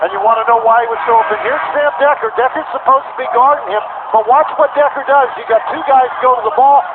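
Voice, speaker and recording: A man's voice: very high voice, fast. A man breaking down plays in a coaching style as color commentator on a basketball broadcast. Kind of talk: live basketball analysis. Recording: tinny broadcast audio with loud noise.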